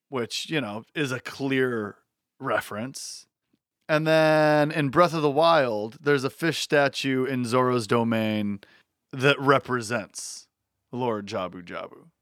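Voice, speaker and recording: A man co-hosting a podcast, chatting casually with quick joking asides. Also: medium pitch, fairly bright tone, no echo, studio quality. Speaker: podcast co-host.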